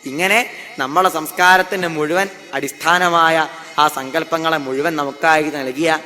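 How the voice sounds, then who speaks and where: A man with a fairly high, bright and forceful voice gives a devotional discourse. He keeps asking his listeners questions and answering them himself. His voice rings with long reverb in a festival hall. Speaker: Bhagavatam speaker.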